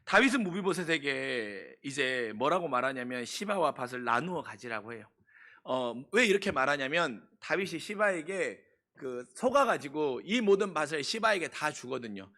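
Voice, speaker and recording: Korean pastor guy preaching, bright slightly raised voice, gravelly, earnest. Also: on the high side, lively intonation. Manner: earnest, emphatic, slow stressed repetitions. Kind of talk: sermon.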